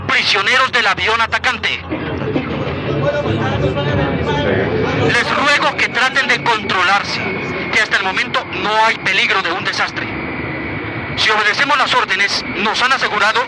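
A woman's voice: mid-range voice, moderate pace, heavy background noise, close to an everyday voice. A woman playing an airline captain in a radio drama, giving a formal, grave flight-crew announcement and repeating key phrases. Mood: urgent, pleading.

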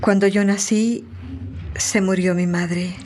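A woman's voice: medium pitch, fairly even intonation, slow pace, background noise, lightly acted. A woman playing a tender, hesitant mother. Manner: tender, hesitant, repeating words. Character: tender, emotional young mother. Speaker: mother character. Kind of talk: radio drama acting.

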